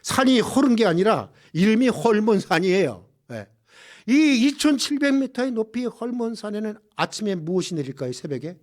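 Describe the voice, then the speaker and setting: A male pastor preaching in church, impassioned, rising to loud exclamations and dropping to hushed low passages, firing rhetorical questions at the congregation. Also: very animated, moderate pace. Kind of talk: sermon.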